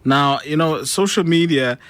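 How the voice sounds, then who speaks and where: A man's voice: a little high, measured pace, a bit bright, no room sound. Hesitant male radio host, dry sound. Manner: hesitant, many fillers. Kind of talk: radio interview questions.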